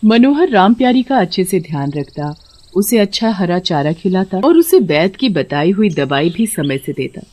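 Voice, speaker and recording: Brief: female storyteller, relaxed mellow narration. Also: fairly low pitch, normal speed.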